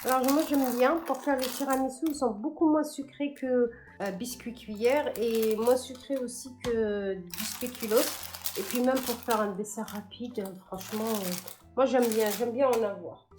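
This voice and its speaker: A woman's voice: on the high side, moderate pace, a little mellow, a little hiss or hum. A woman in her thirties chatting casually about her groceries, hesitant, with many fillers and restarts. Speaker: cooking vlogger. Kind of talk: casual shopping haul chat.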